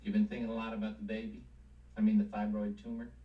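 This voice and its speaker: An actor playing a sentimental, devoted husband in a television soap, emotional and adoring. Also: male voice, on the low side, completely flat delivery, fast, highs cut off, close to an everyday voice. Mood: guilty, tender. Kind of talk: television soap opera acting. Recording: roomy, distant 1970s TV soundtrack.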